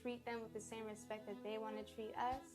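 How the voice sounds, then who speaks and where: A woman's voice: on the high side, level tone, fast, music in the background. A young female interviewee answering questions in a casual, chatty way.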